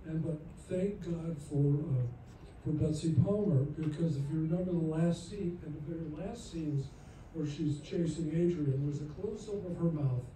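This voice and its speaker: A high-pitched man spins loose, joking stories as a panel guest, often starting sentences over. He sounds far from the mic in a very echoey hall, with a faint hiss underneath. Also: moderate pace, dark tone. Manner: rambling, jokey, restarts often. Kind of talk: anecdotal storytelling at a Q&A. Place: festival screening venue.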